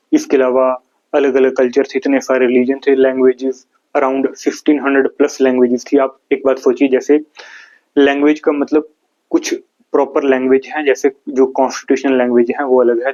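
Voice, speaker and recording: A man's voice: mid-range voice, darkish tone, lo-fi sound. A man from India with a Haryanvi accent, teaching an exam-prep lecture, explaining step by step and asking and answering his own questions.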